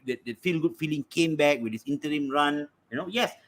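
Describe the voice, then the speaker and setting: A man's voice: on the high side, fairly quick. A man with a Malaysian English accent arguing persuasively on a football fan panel. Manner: animated, persuasive. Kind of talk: casual debate.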